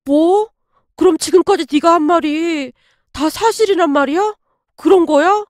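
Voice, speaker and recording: A woman voicing a rash young male office worker who talks in loud, frantic disbelief. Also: very high voice, unhurried, no room sound, studio quality. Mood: panicked disbelief. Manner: loud, shouting when drunk, frantic disbelief.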